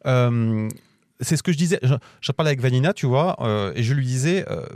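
A young man with a French accent chatting as a podcast guest, rattling along at a brisk clip. He talks in bursts, full of fillers and restarts. The sound is dry and close, with no room around it. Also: medium pitch, expressive, a little mellow, no room sound. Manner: quick, talkative, many restarts and fillers. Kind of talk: casual interview chat.

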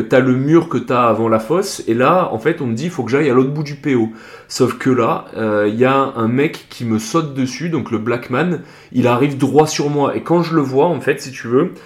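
A young man recounts a tale in loose, slangy talk, animated and full of "euh" fillers. His voice sits in a middle pitch, and the recording has a roomy echo around it. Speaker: podcast host. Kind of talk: casual storytelling.

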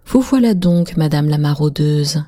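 A woman's voice: sits low, animated, measured pace, dark tone, soft background music. A woman voicing a bold, courteous young peasant boy in a storybook tale, speaking formally and gallantly. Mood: teasing.

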